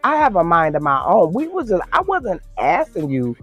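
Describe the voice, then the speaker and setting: A woman's voice: lowish voice, huge pitch swings, normal speed, breathy edge, muffled recording, faint music behind. A woman telling a personal story to her viewers in a casual, chatty way, calling them girl and y'all. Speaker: storytime vlogger.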